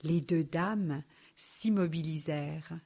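A woman narrating a children's storybook with a clear, measured, expressive delivery. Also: sits low.

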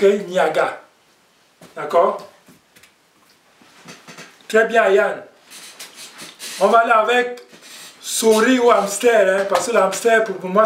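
A man's voice: high voice, a bit bright. Patient man teaching vocabulary, distant echo. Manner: patient, repeats words and checks with "ok?". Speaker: language teacher. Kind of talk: classroom language lesson. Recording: echoey room, distant mic.

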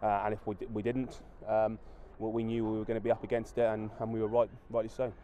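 Man, 30s, low monotone delivery, hesitant fillers, outdoor pitchside interview. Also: slight background noise. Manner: halting, many restarts and fillers. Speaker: rugby forwards coach. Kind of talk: post-match interview. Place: outdoors at a floodlit rugby ground at night.

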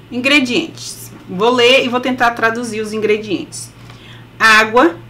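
A woman's voice: a little high, pushed and bright, a little hiss or hum. A middle-aged woman with a Brazilian Portuguese accent reviewing a beauty product in a casual, chatty way with laughing asides, speaking through a face mask. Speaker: beauty vlogger.

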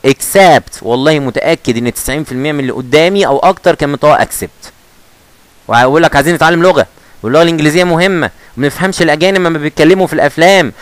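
A man with an Egyptian Arabic accent teaching English vocabulary, teasing his students and repeating each word slowly. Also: a little high, clear, resonant tone, no echo, low-quality recording. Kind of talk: vocabulary lesson.

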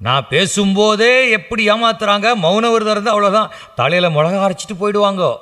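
An actor playing a wisecracking bachelor in a stage comedy, firing off cheeky retorts and reading verses in a mock-solemn tone. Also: male voice, sits high, brisk, bright, forceful tone. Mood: sarcastic. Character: wisecracking bachelor man, sharp-tongued and cheeky. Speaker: lead comic character in a stage play. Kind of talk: Tamil stage comedy acting. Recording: stage play with hall reverb.

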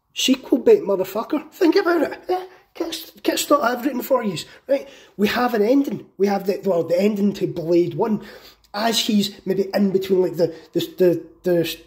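Guy hyped up pitching a movie, swears loads, kinda high voice. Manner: excited, profane, many fillers. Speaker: channel host. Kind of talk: casual pitch of a film idea.

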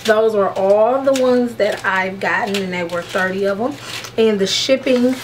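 A woman's voice: mid-range voice, unhurried, noisy background. Chatty woman unboxing makeup. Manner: chatty, calls viewers "honey"; frank, slangy asides. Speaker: beauty vlogger. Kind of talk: casual makeup unboxing chat.

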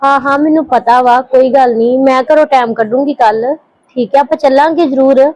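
A woman's voice: sits high, brisk, a little mellow, no room sound, rough recording. A woman in her twenties playing a daughter in a family drama, talking timidly and hesitantly. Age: 20s. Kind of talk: acted family drama dialogue.

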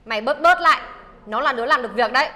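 A woman's voice: high-pitched, racing, bright, forceful tone. A woman playing a firm boss who scolds but is fair, heard in an echoey space with crowd noise. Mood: scolding. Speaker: shop's boss. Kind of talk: comedy sketch acting.

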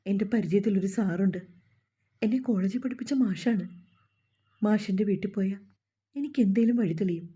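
A woman's voice: medium pitch, moderate pace, pauses often, mellow, breathy edge, lightly acted. Ganga, a pleading young woman, voiced by a narrator. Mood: hopeful. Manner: pleading, earnest. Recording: dull lo-fi recording.

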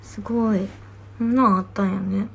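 A young woman with a Hakata dialect accent chats on a phone livestream, reacting to fan comments as they come in. Her talk is chatty and casual, and at times it drops to a soft whisper. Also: medium pitch, fairly even intonation, normal speed, creaky, background noise. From Fukuoka, Japan. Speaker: idol livestreaming to fans.

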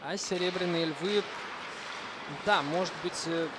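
A man giving unscripted live ice hockey commentary, often pausing mid-sentence to find words. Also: high-pitched. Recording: loud rink noise behind the voice. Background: noisy indoor ice rink.

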